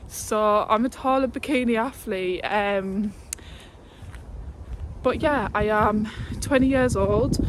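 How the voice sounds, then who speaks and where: A twenty-year-old woman vlogs about fitness while walking uphill, a little breathless, talking casually to camera with laughs and fillers. Her voice is on the high side, and the background is noisy. The phone is held at arm's length.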